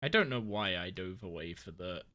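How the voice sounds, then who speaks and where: A man's voice: deep voice, expressive, moderate pace, pushed and bright. A tired, yawning young man chatting casually on a live game stream, rambling and thinking aloud as he plays. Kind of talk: casual live-stream chat while playing.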